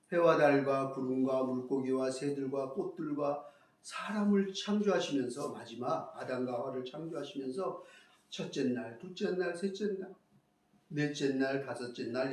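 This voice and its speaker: A man preaching a sermon as pastor, telling a story with lively acted-out quotes. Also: fairly high pitch, far from the mic. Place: church hall. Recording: echoey hall, voice from afar.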